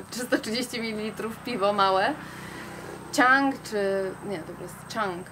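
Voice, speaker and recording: A woman's voice: mid-range voice, slow pace, background noise. A young woman travel vlogger answering viewer questions in casual chat, hesitating often with fillers. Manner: chatty, hesitant with many fillers.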